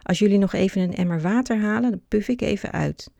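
The narrator voicing a kindly, hard-of-hearing old man in a Christmas storybook, his lines lifted higher than the narration. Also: fast, vocal fry, a little mellow, no room sound, lightly acted. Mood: content.

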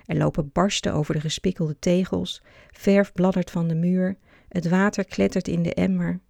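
A narrator calmly reading a children's story aloud. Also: mid-range voice, moderate pace, gravelly, dry recording.

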